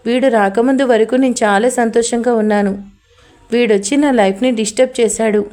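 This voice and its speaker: A woman's voice: fairly high pitch, steady tone, moderate pace, darkish tone, soft background music, lightly acted. A woman voicing a drunk, heartbroken young woman in a spoken love story, pleading tearfully.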